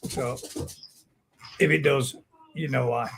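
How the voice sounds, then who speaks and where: A man's voice: mid-range voice, steady tone, slow pace, creaky, heavy background noise. A man joining a live koi auction stream from his mobile, calling the lots with enthusiasm. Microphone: mobile phone.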